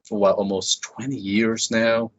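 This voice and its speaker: In a casual interview chat, this podcast host talks with his guest as a keen, chatty fan, though his lowish voice stays flat and his pace measured. The sound is dull, lo-fi, and dry.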